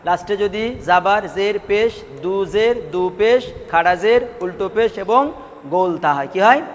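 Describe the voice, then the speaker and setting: A man's voice: high-pitched, moderate pace, big-room sound, a little hiss or hum. A man teaching Quran recitation rules in a classroom, asking his students questions, repeating the answers and drawing out syllables as a drill. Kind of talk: classroom lesson.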